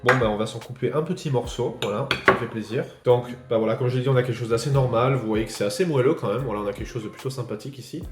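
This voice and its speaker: Fast-talking man in an echoey room. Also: medium pitch, music in the background. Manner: chatty, repeats fillers like "voilà". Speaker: food vlogger. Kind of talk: casual tasting vlog.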